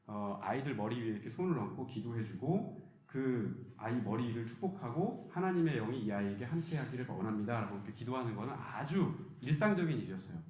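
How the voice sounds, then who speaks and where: Animated Korean pastor in an echoing church. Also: male voice, medium pitch. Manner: animated storytelling, acts out quoted voices. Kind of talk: sermon. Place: church hall. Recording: roomy church echo.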